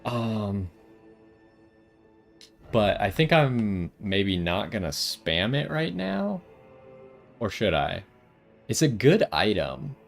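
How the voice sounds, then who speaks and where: A man's voice: lowish voice, very animated, slow, vocal fry, long pauses, faint music behind. A man giving casual gameplay commentary, thinking aloud and asking himself questions as he goes. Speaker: gaming video host.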